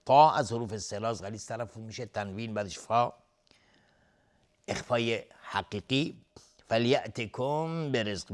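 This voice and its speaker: Man, low pitch, recitation teacher, slow chanted phrases, quick explanations, whispered endings. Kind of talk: explaining tajweed rules, with slow recitation of verses. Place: television studio.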